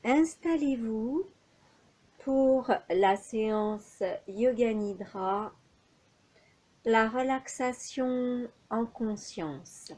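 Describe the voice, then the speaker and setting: A woman instructor talks listeners through a yoga nidra relaxation with calm, soothing, measured guidance and long pauses. Her voice is a little high, and the recording is low quality.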